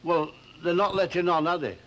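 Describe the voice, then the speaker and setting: A man's voice: sits high, fairly even intonation, fairly quick, fairly bright tone. An actor playing a bumbling, affable Northern English working man, hesitant and homely, in a 1960s British TV soap. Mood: puzzled. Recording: noisy 1960s TV soundtrack, clicks.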